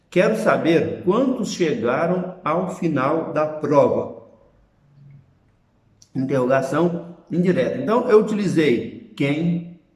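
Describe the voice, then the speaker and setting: A man's voice: on the high side, roomy sound. A male teacher explaining grammar in a recorded lesson, often checking in with his students as he goes.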